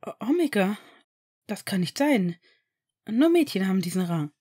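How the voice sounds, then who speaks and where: A woman's voice: high-pitched, lively intonation, measured pace, a little mellow, breathy edge, voice pushed up, full character voice. A woman voicing a trembling werewolf mother. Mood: shaken. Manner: trembling, stammering.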